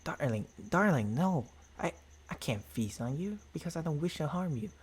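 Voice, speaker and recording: Pitched on the high side and animated, a man's husky, breathy vampire-boyfriend character offers reassurance, speaking haltingly into a close binaural mic. The tender, gentlemanly roleplay is intimate ASMR full of formal endearments.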